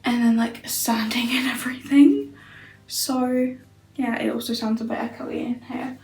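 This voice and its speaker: A woman's voice: fairly high pitch, a little slow, darkish tone, reverberant, soft background music, low-quality recording. A young woman vlogging casually from a bedroom, rambling through her plans with lots of fillers. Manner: rambling, filler-heavy, thinking aloud. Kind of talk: casual vlog chat. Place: bedroom indoors.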